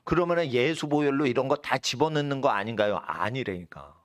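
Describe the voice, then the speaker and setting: A male pastor preaching a sermon, hammering home points with sharp high shouts, then dropping low to explain. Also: a little fast, no echo, studio quality. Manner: drops to a low, quiet explaining tone between outbursts. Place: church.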